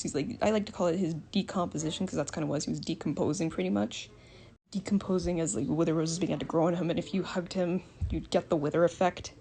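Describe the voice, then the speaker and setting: Brief: young woman, casual lore storyteller, rambling, lower pitch, faint background noise. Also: a little mellow. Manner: rambling, with frequent fillers and swearing. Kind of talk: casual retelling of game roleplay lore.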